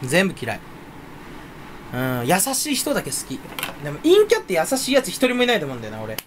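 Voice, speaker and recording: A young man chats on his own from his room at home, hopping from topic to topic and making fun of himself. His pitch leaps around as he talks, and he talks fast with sudden loud outbursts. A faint hiss sits under the recording. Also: wildly swooping pitch. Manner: scattered, self-mocking, jumps between topics, sudden loud outbursts and mouth noises. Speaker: streamer chatting solo. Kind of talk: rambling casual chat.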